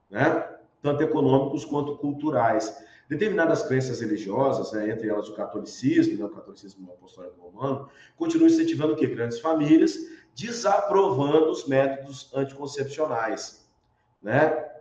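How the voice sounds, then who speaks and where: A man's voice: mid-range voice, a little mellow. A man with a Brazilian accent giving a university lecture, explaining as he goes and asking questions he then answers himself. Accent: Brazilian Portuguese. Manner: explanatory, poses rhetorical questions, frequent tag questions. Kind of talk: recorded online lecture. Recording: echoey room, dull lo-fi sound.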